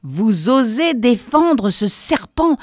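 Woman doing a huge angry boss man, yells slow and mean, lowish dry voice. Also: expressive, no room sound. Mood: furious. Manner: slow, bellowing, contemptuous. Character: furious obese male company vice-president.

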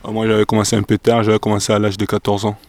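A man's voice: fairly low pitch, completely flat delivery, very fast, darkish tone. A young man from DR Congo, a professional basketball player answering interview questions hesitantly and searching for words.

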